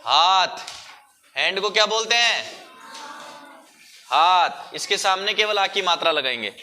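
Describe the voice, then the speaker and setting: A man teaching a primary school class, patiently coaxing the children and drawing words out slowly to show the sounds. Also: sits high, expressive, bright, forceful tone, a little hiss or hum. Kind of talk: classroom lesson.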